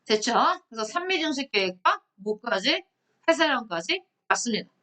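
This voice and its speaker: A woman teaching a history lecture, lively and questioning, often asking her students to look and answer. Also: on the high side, moderate pace. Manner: lively, asks students questions, reads captions aloud. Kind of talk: online lecture.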